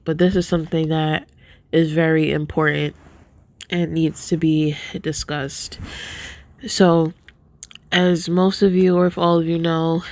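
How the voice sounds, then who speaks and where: A low-pitched woman hosting a podcast sounds congested and sniffly, her nose stuffed up, as she speaks to her viewers in a soft, earnest, casual way. There's no echo on the audio.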